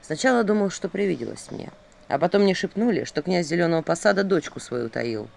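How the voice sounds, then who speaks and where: A brooding, heavy-hearted fairy-tale prince, voiced by a woman reading the tale. He speaks low and slowly, and his tone swings widely between quiet sorrow and sudden outbursts. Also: very animated, creaky, exaggerated voice. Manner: slow, low, heavy storytelling voice.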